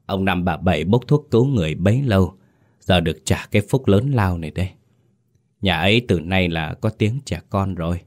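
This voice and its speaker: A man's voice: sits low, animated, fairly quick. A man voicing pleased, gossiping village neighbor women in a told story.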